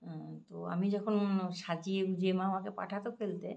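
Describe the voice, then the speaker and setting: Gravelly woman telling a story. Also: lowish voice, steady tone, fairly quick, a little mellow, dull audio. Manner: hesitant, many fillers and restarts. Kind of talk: casual devotional storytelling.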